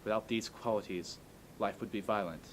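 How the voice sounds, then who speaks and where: Man reciting a speech, faint rumbling noise. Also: fairly even intonation, normal speed. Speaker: amateur performer.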